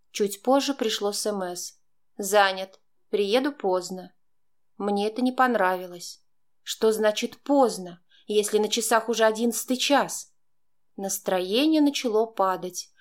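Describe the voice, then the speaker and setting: A woman reads a first-person audiobook in a voice that is neither high nor low. Her storytelling is expressive and carries the emotion of the text. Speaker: audiobook narrator.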